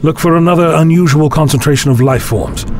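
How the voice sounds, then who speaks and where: The lead actor in a fan audio drama plays a learned, calmly authoritative male scientist who travels through time. He speaks in a measured, deliberate way with formal phrasing and a decisive mood, lightly acted and a little high-pitched. Music runs under the dialogue, with slight background noise.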